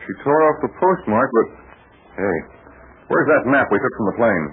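Through a scratchy, narrow 1940s radio recording comes a man acting a steady, reassuring adventure hero. His talk is plain and slangy, and his pitch moves about in a lively way. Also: normal speed, natural voice. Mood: intent. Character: Pat Ryan, steady reassuring adult adventurer.

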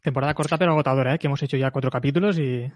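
Fast-talking Spanish motorsport commentator. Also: male voice, mid-range voice, no echo, studio quality. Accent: Spain Spanish. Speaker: panelist on a motorsport podcast.

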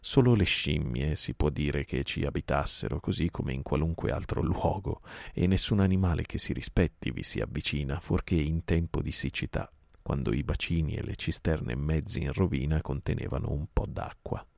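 A man reading a novel aloud at night in a slow, measured way. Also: very deep voice, gravelly, darkish tone, no room sound, studio quality. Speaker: audiobook reader.

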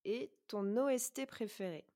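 A woman's voice: fairly high pitch, measured pace, mellow. A woman hosting a podcast, chatting casually with frequent hesitations and presenting prepared notes. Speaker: podcast host.

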